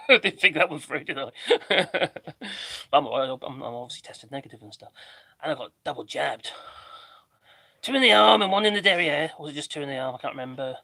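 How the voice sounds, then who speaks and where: A man with a slightly mixed Norfolk English accent and a squeaky voice, chatting casually and ramblingly as he hosts a livestream. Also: a little fast, vocal fry, bright, forceful tone, breathy edge, no echo. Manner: rambling, chatty, self-interrupting. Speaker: livestream host doing DIY work.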